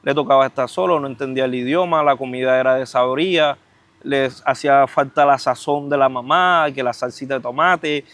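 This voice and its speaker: A man's voice: mid-range voice, steady tone, brisk, a bit bright, no echo. A man with a Caribbean Spanish accent from Cartagena, Colombia, hosts a casual conversation, agreeing and building on what is said. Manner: agreeing, builds on the other speaker's points. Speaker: podcast host.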